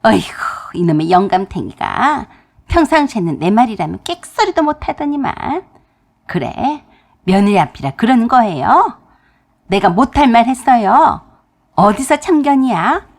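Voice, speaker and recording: Woman doing a stingy, nagging mother-in-law for radio drama; loud, animated, sharp. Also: a little high, moderate pace, creaky, full character voice. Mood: furious. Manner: scolding, sharp-tongued, shouting.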